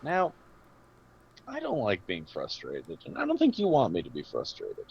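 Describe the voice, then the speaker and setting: A man's voice: huge pitch swings, creaky, highs cut off, a little hiss or hum, exaggerated voice. A man voicing a menacing male adventurer who threatens a suspect in a tabletop game role-play. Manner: slow, low, threatening.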